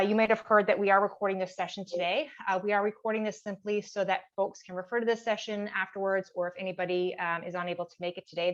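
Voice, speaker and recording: A woman's voice: medium pitch, dull audio. A woman presenting an online information session, organized and friendly with some fillers. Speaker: union staff member presenting. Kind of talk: online info session housekeeping.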